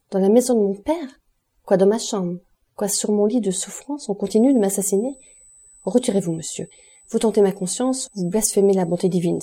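A frightened young invalid, as a woman reads her asks anxious, pleading questions in an audiobook. The voice is dark and mellow, slightly husky, and a little low. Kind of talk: audiobook character reading.

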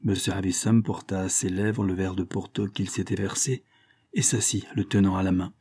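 A man narrating a classic novel in a steady, unhurried storytelling manner. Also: low voice, breathy edge. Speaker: audiobook narrator. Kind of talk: scripted narration.

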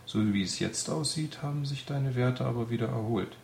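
A man voicing a small, brisk female nurse who speaks firmly and soothingly. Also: medium pitch, vocal fry, a little mellow, a little hiss or hum, voice pushed up, close to an everyday voice. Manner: firm, soothing. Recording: roomy echo.

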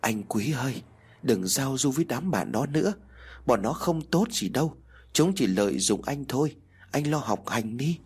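A man voicing the gentle ghost of a young woman who pleads softly in a hushed voice, in a narrated ghost story. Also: mid-range voice, animated, normal speed, husky. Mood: pleading softly.

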